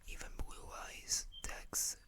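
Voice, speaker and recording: Reading aloud in a breathy, unvoiced whisper right at the mic, the ASMR host goes slowly and without rush, adding casual remarks along the way.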